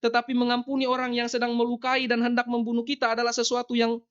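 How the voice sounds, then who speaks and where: A man's voice: very high-pitched, monotone, fast talker, fairly bright tone, clean tone, dull audio. A man preaching a sermon in church, telling a story about his young child and often addressing the congregation directly. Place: church sanctuary.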